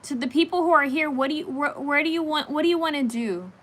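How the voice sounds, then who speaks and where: A woman in her thirties hosts a casual livestream, talking straight to her viewers and answering their comments as they come in. Her voice is bright and fairly high, and she restarts her sentences as she goes. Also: quick pace. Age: 30s. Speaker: livestream host reading oracle cards.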